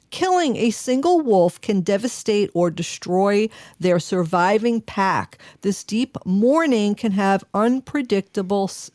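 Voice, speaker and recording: A woman's voice: medium pitch, darkish tone, no room sound, clean studio sound. A woman with a New York accent co-hosting a radio talk show, chatting earnestly and reading a list aloud with lots of fillers. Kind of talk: casual talk radio chat.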